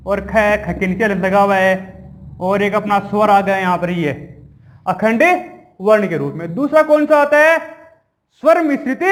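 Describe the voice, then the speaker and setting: A man teaching an exam-prep grammar lesson, asking questions and answering them himself and repeating key terms. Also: sits high.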